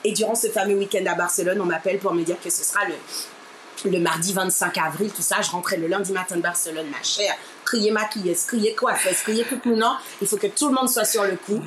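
A woman from Martinique, interviewed as a guest, tells a personal story in a mid-range voice at a slightly fast pace, acting out the people she quotes and repeatedly calling the listener "my dear." A radio presenter is also present, and there is steady background noise.

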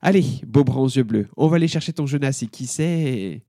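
A man voicing a lively, teasing teenage schoolgirl with a quick, bossy way of talking in a children's story. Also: medium pitch, no room sound, studio quality, close to an everyday voice. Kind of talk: storybook character voice.

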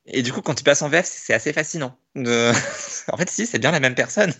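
A man hosting a podcast in casual chat, talking in an animated way with many restarts and fillers. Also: mid-range voice, fairly quick, husky. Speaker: podcast host.

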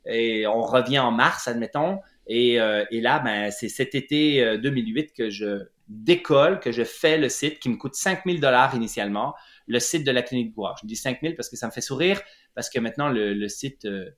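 Interviewed as a guest, a middle-aged man from Lac-Saint-Jean with a Quebec French accent talks about his story as a running clinic founder. His medium-pitched voice is fairly bright at a moderate pace, though he's hesitant, with many fillers and restarts. The room echoes noticeably.

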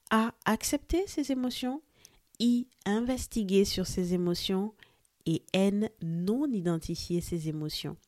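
A woman hosts a scripted book review podcast, talking straight to her listeners in a lively, friendly way. Her voice is warm and mellow, recorded close and dry with no room sound. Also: fairly low pitch, dry recording. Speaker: podcast host.

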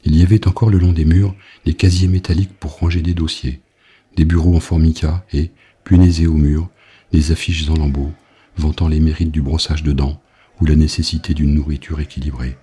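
Deep husky guy narrating an audiobook, slow and grave. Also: level tone, dark tone.

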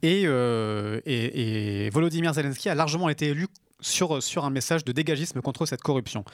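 A man's voice: medium pitch, normal speed, dry recording, studio quality. A man co-hosting a news podcast, explaining a story at length with many hesitations and fillers. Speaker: podcast co-host. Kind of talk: casual news podcast chat.

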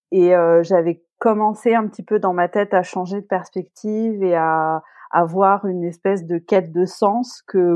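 A woman's voice: lowish voice, darkish tone, no echo. Reflective French woman in her forties. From France. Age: 40s. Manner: reflective, many fillers and restarts. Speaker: guest. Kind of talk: podcast interview.

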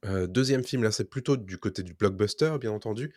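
Low-voiced man hosting a podcast. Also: fairly quick, a little mellow, no echo, studio quality. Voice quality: enthusiastic, nostalgic. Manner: reads listings then riffs. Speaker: podcast co-host presenting release picks. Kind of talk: casual podcast chat.

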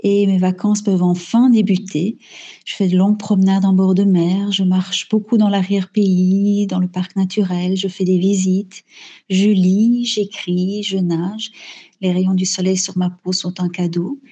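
Soft-toned woman, halting first-person testimony. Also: medium pitch, flat delivery, breathy edge, highs cut off. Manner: hesitant, with frequent fillers and repeated words. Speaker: guest telling her own story. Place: lives in Belgium.

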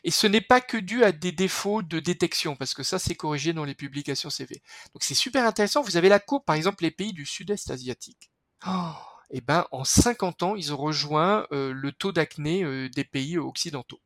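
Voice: mid-range voice, lively intonation, brisk, fairly bright tone, no room sound, studio quality. A podcast guest explaining skincare research in an enthusiastic, chatty way, full of fillers and restarts.

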